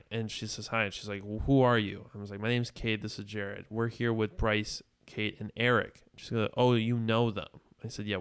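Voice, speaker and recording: A man's voice: a bit bright, smooth. A man in his twenties co-hosting a podcast, telling a story with heavy swearing and dropping his voice to quote others. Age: 20s. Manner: profane, exaggerated, lowers voice to quote others. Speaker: podcast co-host. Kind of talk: casual storytelling chat.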